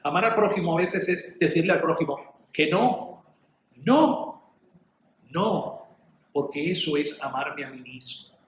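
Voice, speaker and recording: A middle-aged man preaching a sermon in an animated way, acting out short dialogues as he goes. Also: a little high, unhurried, slight background noise. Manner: animated, acts out little dialogues. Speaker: pastor. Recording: echoey room.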